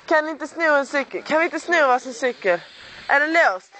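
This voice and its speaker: Shrill, excitable drunk young woman. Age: young adult. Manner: excitable, loud, swearing a lot. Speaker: person filming. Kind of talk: casual chat among friends. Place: outdoors at night on a street.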